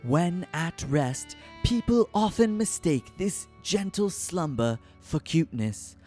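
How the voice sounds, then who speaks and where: A narrator reads a mock nature documentary with solemn drama. The pace is slow and deliberate, and the pitch sits in a middle range. Soft music plays behind the voice. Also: big pitch swings. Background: background music.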